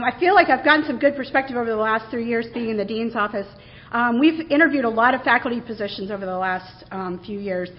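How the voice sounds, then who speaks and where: A woman with a fairly high voice presents to a faculty audience in a conversational way. She is earnest and leans hard on the words she wants to stress. The recording sounds dull and lo-fi. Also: slight background noise. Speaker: university administrator giving a faculty talk.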